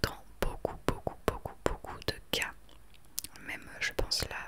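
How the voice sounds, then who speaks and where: A woman in her late twenties talking earnestly and with conviction in a soft whispered ASMR chat into a desktop microphone. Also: measured pace. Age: 20s. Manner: earnest, opinionated. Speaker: ASMR creator. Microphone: desktop USB microphone.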